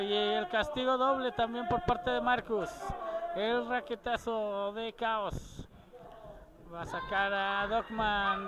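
A man calling lucha libre live as a wrestling commentator, emphatic and often shouting in drawn-out phrases. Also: extremely high pitch, low-quality recording.

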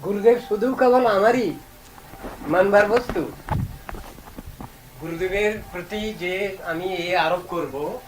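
High-pitched guy giving a stern devotional talk, keeps firing questions, bit of faint noise. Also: takes it slowly, pauses often, rough recording. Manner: rhetorical, emphatic questioning. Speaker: Vaishnava preacher. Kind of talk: devotional discourse.

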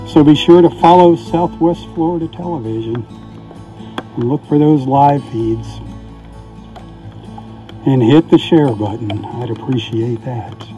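A man's voice: medium pitch, measured pace, pauses often, mellow, faint music behind. Tinny, muffled man reporting from a rainy beach. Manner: easygoing and folksy, signs off with blessings. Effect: tinny, muffled audio from a camera in a weatherproof housing. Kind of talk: casual on-location weather report. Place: outdoors on a beach in the rain. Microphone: camera mic inside a weatherproof housing. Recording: muffled tinny camera audio.

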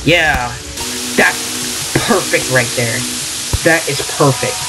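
A man's voice: mid-range voice, slow. A young man commentating a game in casual, rambling talk, worn out and tired from an hour of hiccups. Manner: rambling, self-deprecating, tired. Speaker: gameplay commentator. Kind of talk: casual let's play commentary. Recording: game music playing behind.

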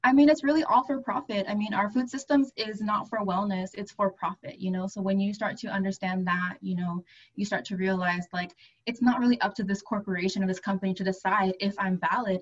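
A woman's voice: mid-range voice, fairly even intonation, a little fast. A woman speaking as a panelist on a video call from home, passionate and conversational. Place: home room, indoors. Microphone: webcam on video call. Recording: dull lo-fi call audio.

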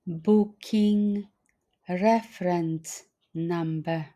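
Very slow, mellow-voiced woman teacher. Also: lowish voice, fairly even intonation. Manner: deliberate, repeats each phrase twice. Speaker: language teacher. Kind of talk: slow flashcard-style language lesson.

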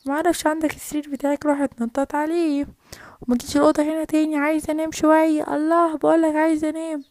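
A woman's voice: sits high, steady tone, rapid-fire, warm tone, no echo, clean studio sound. A woman voicing a cross, sleepy mother toy figure with an Egyptian Arabic accent, scolding and impatient.

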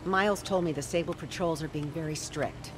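An actress playing a kindly, practical aunt who runs a shelter kitchen in a video game, gentle and caring. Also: female voice, low-pitched, fairly quick, a little hiss or hum, natural voice. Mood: concerned.

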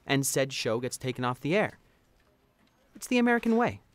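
A man's voice: medium pitch, a little fast, clear, resonant tone, dry recording, lightly acted. A man voicing a skeptical, pragmatic 1960s ad executive puppet with a dry, dismissive manner. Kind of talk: comedic puppet parody dialogue.

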